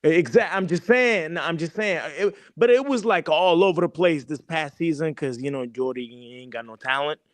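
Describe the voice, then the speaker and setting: Brief: New man, podcast co-host, slightly high voice, rambling and profane, dry mic. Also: normal speed, few pauses, no room sound. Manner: rambling, repeats himself, swears freely. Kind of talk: casual chat.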